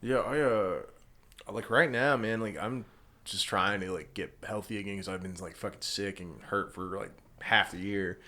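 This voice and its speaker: A man's voice: lowish voice, normal speed, sharp tone. A man in his early thirties chatting casually in profane, slangy talk peppered with man and dude. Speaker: band musician and podcast participant. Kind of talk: casual chat.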